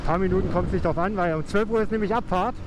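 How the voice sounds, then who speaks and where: A man's voice: high voice, quick pace. A man with a German accent vlogging from his motorcycle on the way to a rider demo, talking in a rambling, casual way with many fillers and restarts. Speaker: motovlogger. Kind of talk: casual vlog monologue. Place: outdoors on a motorcycle ride. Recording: loud road and vehicle noise.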